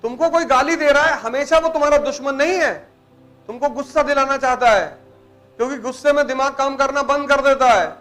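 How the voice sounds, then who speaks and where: A man's voice: very high-pitched, brisk, a bit bright, soft background music. A man giving a blunt, teasing motivational lecture to students in colloquial speech. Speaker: motivational teacher.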